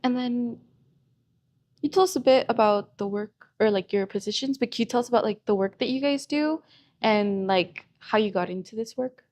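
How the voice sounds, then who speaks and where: A woman's voice: fairly high pitch, moderate pace, a little mellow. Easygoing woman co-hosting a podcast. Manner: easygoing, with frequent "like" and "um". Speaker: podcast co-host. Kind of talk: casual interview hosting.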